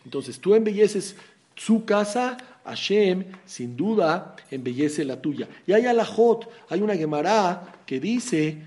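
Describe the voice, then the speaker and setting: A man leads a religious class, moving between teaching points and animated storytelling. His voice sits a little high but sounds mellow and relaxed, and he acts out the dialogue as he tells each story. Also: slow pace. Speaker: Torah teacher.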